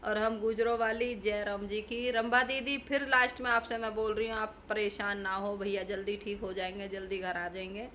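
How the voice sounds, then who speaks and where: A woman YouTuber in mid-rant, her voice at an ordinary middle pitch. She scolds and lectures in a confrontational, preachy tone, with a faint hum of room ambience behind her. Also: flat delivery, normal speed, hardly any pauses, fairly bright tone. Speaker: YouTube vlogger. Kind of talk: ranting commentary to camera.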